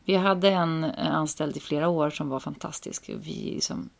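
A woman in her forties, a guest in a casual podcast chat, telling frank, self-mocking stories and acting out what people said. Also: vocal fry. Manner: lively storyteller who acts out quotes with a raised pitch.

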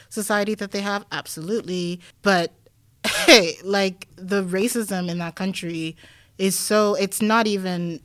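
A woman guest scholar who grew up in Denmark, talking through her ideas in a relaxed podcast interview, thinking aloud with many "like"s and "um"s and the odd wry laugh. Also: fairly low pitch, no echo. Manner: reflective, thinks aloud with frequent "like" and "um"; laughs easily, wry asides.

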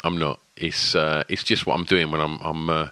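Essex guy w a lisp doing a chatty podcast intro, rambles on, bright and forward voice. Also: very deep voice, level tone, moderate pace, no echo. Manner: rambling, wittering delivery. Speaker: podcast host.

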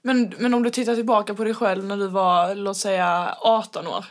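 Female host, mid-pitched voice, eager and rambling, filler-heavy casual questions. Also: steady tone. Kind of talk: casual interview.

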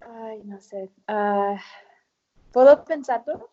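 Slow, hesitant woman speaking Spanish. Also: a little high, warm tone. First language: English. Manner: hesitant, searching for words. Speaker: professional footballer being interviewed. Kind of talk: casual interview in learner's Spanish. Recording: dull lo-fi audio.

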